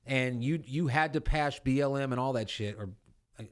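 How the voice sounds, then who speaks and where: A man's voice: mid-range voice, moderate pace. A man in his forties, a veteran podcast host, telling rambling, profane Army stories in casual chat. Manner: profane, rambling anecdotes with acted-out quotes.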